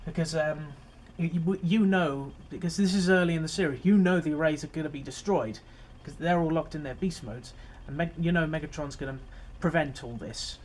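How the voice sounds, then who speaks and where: A man's voice: fairly high pitch, a little fast, few pauses, darkish tone, slight background noise. A man giving a casual, rambling overview of an episode as host of his fan series, full of fillers and restarts.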